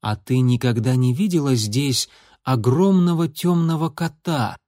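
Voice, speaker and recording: A man's voice: medium pitch, a little slow, a little mellow, dry recording, studio quality, lightly acted. A man voicing an earnest young male warrior cat talking with his sister in a storybook reading. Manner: earnest, cautious.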